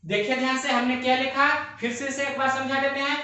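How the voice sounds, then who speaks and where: Young guy teaching math step by step, keeps repeating and quizzing, bright voice, super echoey room. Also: extremely high pitch, level tone, fairly quick. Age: young adult. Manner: repetitive, step-by-step explaining with rhetorical questions. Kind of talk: exam-prep math lesson.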